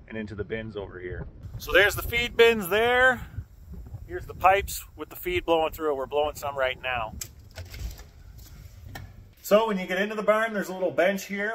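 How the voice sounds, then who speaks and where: A man's voice: on the high side, fairly bright tone. A man in his thirties walking through his pig barns, explaining them plainly to a phone held at arm's length. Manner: plain, matter-of-fact explaining while walking and pointing. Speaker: farmer giving a barn tour. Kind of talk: casual walking tour vlog. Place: pig barns and farmyard, indoors and outdoors. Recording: noisy barn ambience.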